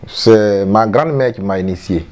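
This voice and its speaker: A traditional healer in his fifties talks earnestly in a casual interview on an outdoor veranda beside a house wall, repeating himself and promoting his own work. His voice is lowish and darkish, with a measured pace, and it sounds reverberant and far from the mic.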